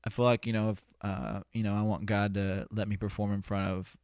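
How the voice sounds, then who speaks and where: A man answers podcast interview questions in a relaxed, hesitant, rambling style, saying "you know" a lot; he's a spoken word poet recorded in an indoor studio. His lowish voice is flat, fairly quick and a little mellow, with a clean, echo-free, studio-quality sound.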